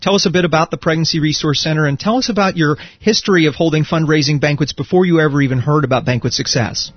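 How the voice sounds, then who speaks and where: A man hosts a call with a slightly husky voice that sounds dry and dulled by the phone. He speaks in a polished, upbeat interviewer's manner. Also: fairly high pitch, quick pace, dry recording, highs cut off. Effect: heard over the phone. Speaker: host.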